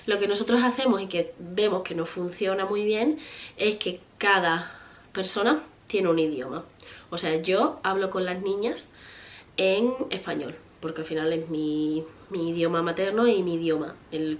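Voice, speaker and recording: The recording is muffled, carrying a fairly low-pitched woman's voice at a moderate pace. She's a mother and vlogger from Spain, in her thirties with a Spanish accent, answering viewers' questions in a loose, chatty way with many fillers, restarts and frequent laughter.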